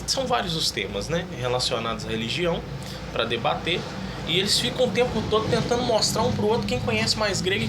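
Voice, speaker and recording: Earnestly reciting Bible verses, a religious video creator offers his opinions in an informal solo talk. His voice sits high, and the recording is very noisy.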